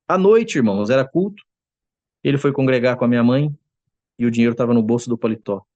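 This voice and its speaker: A man's voice: medium pitch, fast, a little mellow, dry recording, highs cut off. Earnest man telling a church testimony. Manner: earnest storytelling, often addresses listeners as brothers; acts out quoted voices. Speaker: church member giving testimony. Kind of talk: testimony to a congregation.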